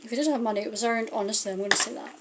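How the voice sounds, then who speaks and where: Speaking at a racing pace in a fairly high, steady voice, this Scottish tarot reader thinks aloud and lets her sentences trail off as cards are turned. It's a casual live stream caught on a phone or webcam, with heavy background noise.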